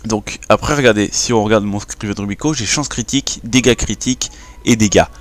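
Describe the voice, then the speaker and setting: A man's voice: on the low side, fairly quick. A young man casually talking through a game tutorial, hesitating and restarting often. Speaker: gaming YouTuber.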